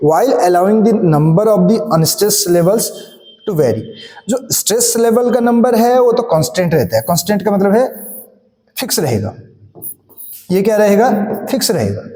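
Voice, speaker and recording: Male English-literature tutor, high voice, mellow tone, reverberant room; repetitive teacher talk. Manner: explains and repeats key points, asks and answers his own questions; mixes English terms into Hindi. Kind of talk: exam-prep lecture. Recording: echoey room with long reverb.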